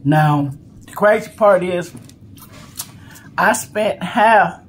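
Middle-aged American woman, unhurried mukbang host talking through mouthfuls, faint room noise. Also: on the low side. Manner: chewing while talking. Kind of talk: casual chat over a meal. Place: small room at home. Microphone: camera at table's length.

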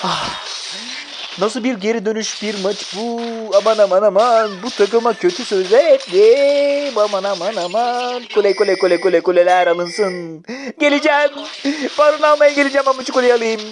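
A gamer giving a running commentary on their own mobile match, swearing freely, cheering and scolding teammates in bursts of excitement. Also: medium pitch, moderate pace, noisy background. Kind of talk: gameplay commentary.

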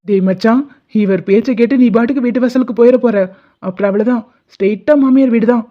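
A cautious young man, voiced by a woman, jokingly warns his friend in an animated story. The voice is a little high. The sound is dull and lo-fi. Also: fast talker, close to an everyday voice. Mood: warning. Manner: warning, joking. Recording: dull lo-fi audio.

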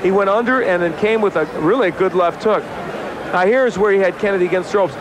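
Man, American accent, expert fight commentary, high pitch, heavy broadcast noise. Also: quick pace. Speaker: boxing analyst. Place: ringside in an arena. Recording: loud crowd, noisy old TV broadcast.

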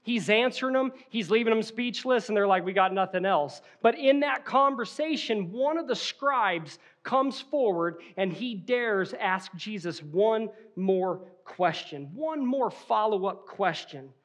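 Pastor guy with a high voice preaching, acts out little scenes while telling stories. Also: expressive, a little slow, few pauses, a bit bright. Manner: storytelling, acting out scenes with quoted voices. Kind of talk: sermon. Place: church sanctuary.

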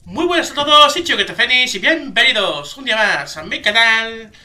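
A young man with a Spain Spanish accent doing excitable let's play commentary, swearing and shouting when startled. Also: very high voice, normal speed, a little hiss or hum. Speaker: gaming youtuber.

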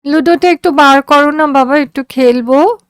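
A woman's voice: no room sound, studio quality, lightly acted. A woman voicing a feverish teenage girl. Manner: high, childlike, drawn-out.

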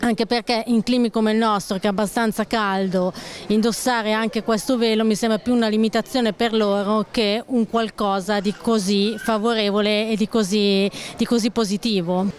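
A woman's voice: medium pitch, fairly even intonation, moderate pace. Young woman answering on the street. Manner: earnest, long run-on explanations. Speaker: street interviewee. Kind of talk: vox pop answer. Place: outdoors on a town street by a shop window. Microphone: handheld interviewer mic.

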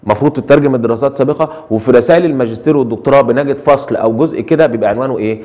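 A man's voice: mid-range voice, rapid-fire, a little mellow. A middle-aged man with an Egyptian accent giving a translation lecture, asking rhetorical questions and dropping English terms into his Arabic. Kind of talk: recorded lecture.

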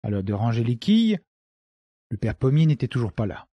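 A man's voice: medium pitch, sing-song, no echo, highs cut off. Old rural man, grave and reminiscing, voiced by the narrator, dry close audiobook sound. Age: older. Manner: slow, reminiscing storyteller.

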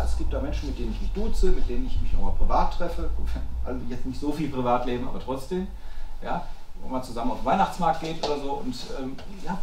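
A man's voice: mid-range voice, noisy background. A man in his forties from Cologne with a Cologne accent, explaining emphatically as the guest speaker in a salon discussion. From Germany. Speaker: guest speaker, journalism researcher. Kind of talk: discussion talk before a small audience. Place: small salon room, indoors. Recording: roomy sound from a distant mic.

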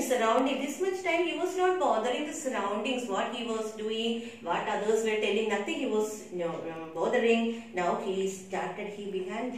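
A woman teacher with an Indian English accent, giving a recorded English lesson. She explains the story line by line, spells out words and asks her class questions. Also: mid-range voice. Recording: echoey room, distant mic, faint hiss.

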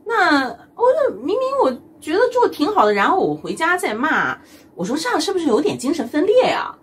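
A woman's voice: sits high, huge pitch swings, brisk. A woman from China, doing a chatty, teasing comedic monologue as a vlogger and laughing often. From mainland China.

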